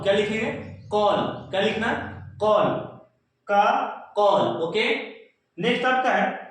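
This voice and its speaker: A male English pronunciation teacher with an Indian accent, drilling words and repeating questions and answers to his students. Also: sits high. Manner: repetitive call-and-response drilling, asks and answers himself. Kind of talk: classroom-style pronunciation lesson. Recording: very echoey room, voice from a distance.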